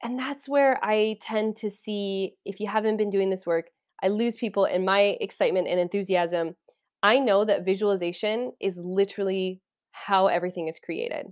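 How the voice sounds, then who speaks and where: A woman coach talks casually on her podcast, her enthusiasm showing as she wanders from one thought to the next. Her voice sits at an average pitch, and her delivery is warm-hearted but loose, like a chat with a friend. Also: moderate pace. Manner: enthusiastic, meandering, conversational. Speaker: podcast host and life coach. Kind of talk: casual spiritual talk.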